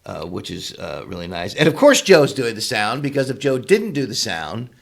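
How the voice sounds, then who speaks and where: A man's voice: fairly low pitch, sing-song, normal speed, gravelly. A man co-hosting a podcast interview, rambling and laughing easily. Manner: rambling, laughs often, many yeahs and restarts. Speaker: podcast co-host. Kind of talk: casual interview.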